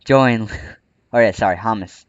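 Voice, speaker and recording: A man's voice: on the low side, expressive, moderate pace, no room sound, dull audio. A man with the hiccups, chatting casually over gameplay, with a bit of playful trash talk. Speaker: gaming channel host. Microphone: close desk microphone.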